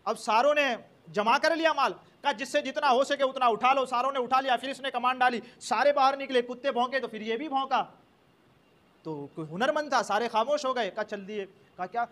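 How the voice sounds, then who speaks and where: A man's voice: extremely high pitch, bright, forceful tone. A male preacher telling a story in a sermon, animatedly speaking the characters' lines in turn.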